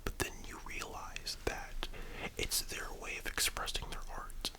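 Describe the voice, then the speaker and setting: A young man giving a casual, musing ASMR monologue in a soft, breathy library whisper, with halting delivery. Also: rough recording. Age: young adult. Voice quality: hushed, breathy unvoiced whisper. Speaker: ASMR video host.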